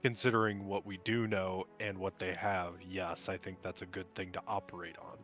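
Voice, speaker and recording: Man player, slightly low voice, hesitant thinker, faint music bed. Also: little pitch movement, a bit bright. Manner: measured, then rambling with many fillers. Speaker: tabletop game player. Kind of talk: casual game-night talk.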